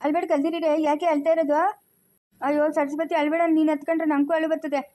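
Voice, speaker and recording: A woman's voice: high-pitched, level tone, quick pace, warm tone, lightly acted. A woman playing a kind village relative who coaxes and comforts a crying young wife in rural Chikkaballapur Kannada. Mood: coaxing. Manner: soothing, coaxing.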